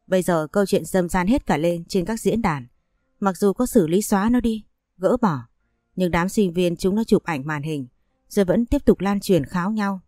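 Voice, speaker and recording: A woman's voice: lowish voice, dark tone, no room sound, studio quality, close to an everyday voice. A woman reading as a formal school official. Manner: formal, measured. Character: stern school official breaking bad news.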